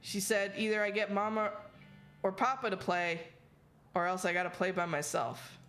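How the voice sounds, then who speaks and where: A woman's voice: medium pitch, steady tone, moderate pace, fairly bright tone, soft background music, lightly acted. Woman reading as a young frontier girl, rustic phrasing. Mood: uneasy, childlike. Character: frightened young frontier girl writing her diary. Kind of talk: reading a diary aloud.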